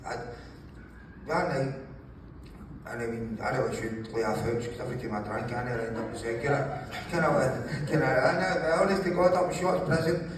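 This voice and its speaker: A gravelly-voiced man swaps animated, joking, sweary stories as an interview guest, speaking at normal speed with a medium pitch and fairly even intonation. The mic is distant, the room very echoey, with faint noise.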